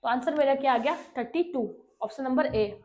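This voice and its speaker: A woman with a high voice teaches an exam-prep maths lesson. She works through each problem step by step, keeps checking in with her students, and reads English questions out slowly, word by word. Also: a little mellow. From India. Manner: explains step by step, checking with "ठीक है".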